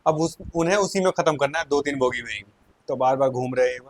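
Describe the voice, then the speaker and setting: A man casually telling a personal anecdote, animated and often laughing as he goes. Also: medium pitch, quick pace. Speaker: storyteller.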